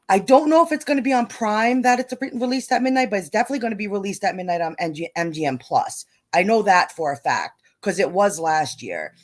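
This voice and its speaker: Excitable New York woman hosting a stream. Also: mid-range voice. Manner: excitable, greets viewers by name, laughs often. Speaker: host. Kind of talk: casual live-stream chat.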